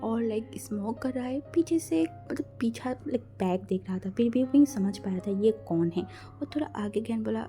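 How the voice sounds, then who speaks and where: A woman's voice: fairly high pitch, lively intonation, normal speed, mellow, soft background music. A woman narrating a fan fiction story in a casual, chatty way, full of fillers and restarts.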